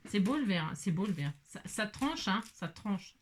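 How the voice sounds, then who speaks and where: A woman's voice: medium pitch, very animated, normal speed, a little hiss or hum. Chatty woman hosting a craft tutorial. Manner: chatty, many filler tags, talks to herself while working.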